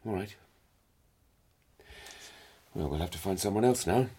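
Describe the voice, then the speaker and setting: Husky, controlling husband, low voice. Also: male voice, animated, unhurried, mellow, exaggerated voice. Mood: insistent, resentful. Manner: insistent, needling. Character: controlling, indignant husband and expectant father. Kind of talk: naturalistic radio soap acting.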